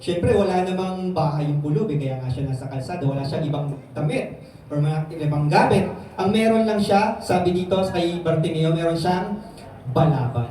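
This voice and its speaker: A man preaching, reading a verse and then retelling it in casual Taglish, and raising his pitch to act out the voices in the story. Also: darkish tone, slight background noise. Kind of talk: sermon reading and explaining scripture. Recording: very echoey room, voice from some distance.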